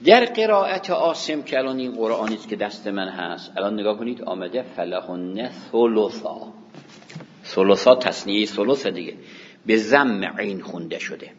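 A man's voice: fairly low pitch, animated, slight background noise. A man teaching a classroom lecture, patiently explaining and counting examples aloud for his students. His voice carries a long hall reverb, and the recording sounds dull and muffled. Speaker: teacher of Arabic grammar.

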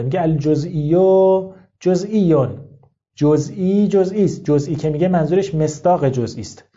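A male cleric teaches seminary students in an informal lecture, talking candidly and working through ideas with rhetorical questions. His voice sits fairly high yet sounds very dark and mellow. The recording is dull and lo-fi.

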